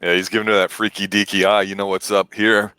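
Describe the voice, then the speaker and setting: A man's voice: fairly low pitch, level tone, fast, pushed and bright, clean tone, dry recording. A man co-hosting a casual movie commentary, making wry jokes with playful formality. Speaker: co-host of a movie commentary show. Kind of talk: casual live watch-party commentary. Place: home, Central Florida.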